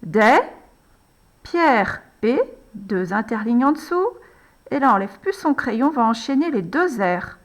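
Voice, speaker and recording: A woman slowly and patiently guiding a young child through a handwriting lesson, one letter and one word at a time. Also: fairly high pitch, sing-song. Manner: patient, addresses the child as tu, frequent "alors" and "hein". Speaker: handwriting teacher.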